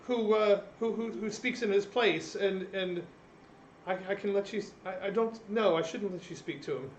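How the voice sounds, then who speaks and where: A man's voice: high voice, normal speed, natural voice. A man voicing a frightened, flustered female servant who stammers nervously in a tabletop game. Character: frightened, flustered female servant guarding her master's door. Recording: echoey room, faint noise.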